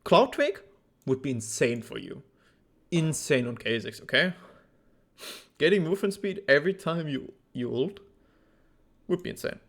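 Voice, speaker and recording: A man's voice: on the high side, sing-song, moderate pace, long pauses, a bit bright. A man coaching a player through a game replay in a blunt, teasing way, a little out of breath. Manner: blunt, teasing, thinks aloud with fillers. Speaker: esports coach. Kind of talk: casual game replay review.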